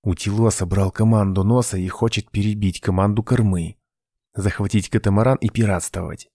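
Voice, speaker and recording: Man reading tough young agent, short commands, deep and firm, dry recording. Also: steady tone, normal speed, warm tone, breathy edge, no echo. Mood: commanding. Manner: terse, commanding. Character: tough, cool-headed young male agent.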